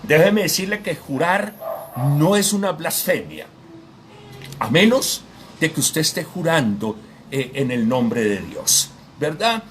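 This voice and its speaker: A man's voice: on the high side, big pitch swings, slow, fairly bright tone, slight background noise. A man giving an informal Bible teaching, speaking directly to his listeners with frequent tag questions and hesitant fillers. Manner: addresses listener directly and formally.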